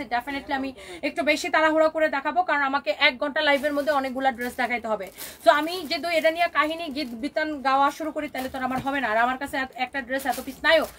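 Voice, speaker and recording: A woman hosting a live online clothing sale, talking in a fast, emphatic, repetitive sales patter that mixes in English words. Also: high-pitched, sharp tone. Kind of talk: live-stream sales pitch.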